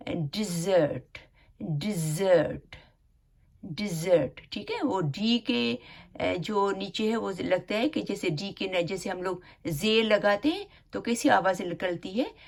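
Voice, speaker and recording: A low, gravelly-voiced woman with an Urdu-Hindi accent teaches pronunciation at a very slow, deliberate pace. She repeats each word several times and checks in with a high rising question. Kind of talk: slow explanatory lesson. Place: home, recorded from abroad.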